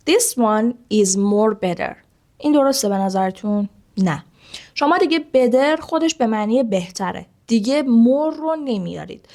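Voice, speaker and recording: A woman teaching an online English lesson, asking the viewers rhetorical questions and saying each English example sentence slowly and carefully. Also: fairly high pitch.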